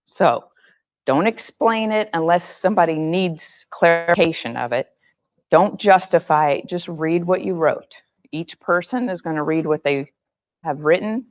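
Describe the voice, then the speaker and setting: A woman's voice: fairly low pitch, expressive, normal speed. A woman who is losing her voice, giving a meeting group directive step-by-step instructions. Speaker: meeting facilitator. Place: meeting room.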